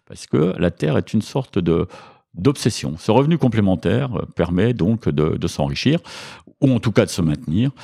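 Deep-voiced man explaining, hesitant. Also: warm tone. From Franche-Comté, France. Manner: measured, frequent hesitations. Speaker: historian guest. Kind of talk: interview answers, explanatory.

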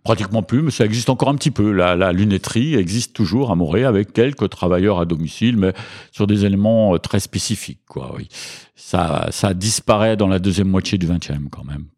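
A man from Franche-Comté, a guest in an interview, explaining history in a measured way with frequent hesitations. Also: low-pitched, a little mellow.

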